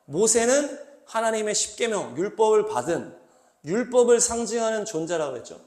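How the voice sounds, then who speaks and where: A male pastor preaching a sermon, acting out angry outbursts and questions in an animated way. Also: high voice, normal speed, roomy sound. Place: small church hall.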